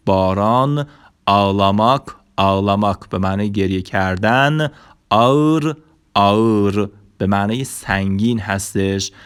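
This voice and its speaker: A man teaching a language lesson, saying example words slowly and carefully between short explanations and fillers. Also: lowish voice. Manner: slow, carefully spelled-out word examples with fillers.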